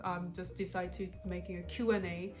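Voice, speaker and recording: A woman's voice: fairly low pitch, little pitch movement, moderate pace, loud music behind the voice. A young adult woman from South Korea with a Korean accent, chatting bluntly in a couple's Q&A video. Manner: chatty, blunt, laughs often. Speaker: co-host of a couple channel. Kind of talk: casual Q&A chat.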